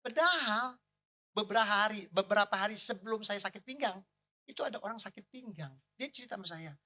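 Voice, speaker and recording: Man, pastor, bright forceful voice, animated joking sermon storytelling. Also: high-pitched, a little fast.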